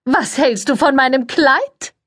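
A shrill gushing press agent. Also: female voice, fairly bright tone, no room sound, clean studio sound. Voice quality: shrill, squealing. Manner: drawn-out gushing endearments.

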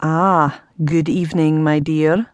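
A woman reading an audiobook voices an irritable, gruff nobleman who barks his words impatiently. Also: sits low, fairly even intonation, slow, dry recording, pitched below the performer's own voice. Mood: brusque. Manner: barking, impatient.

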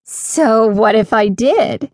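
A woman's voice: on the high side, sing-song, a little slow, dry recording, studio quality. A woman voicing a friendly, impish female fairy in a children's audiobook, playful and encouraging.

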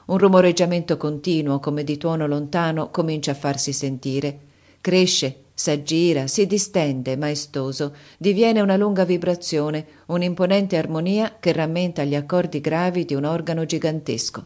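Audiobook narrator: woman with a deep voice for her sex, steady literary reading. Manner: measured, even storytelling delivery.

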